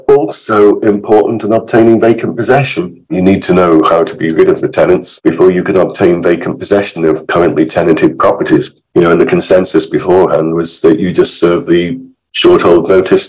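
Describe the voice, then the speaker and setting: A man with a croaky voice, hoarse from illness, explaining informally as a podcast guest expert with chatty, wry asides. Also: sits low, darkish tone, low-quality recording.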